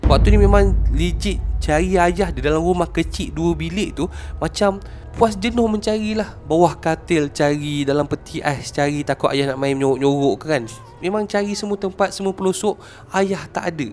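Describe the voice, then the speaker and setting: A man's voice: a little high, darkish tone. A man with a Malaysian accent telling a horror story casually, with chatty asides and dramatic emphasis.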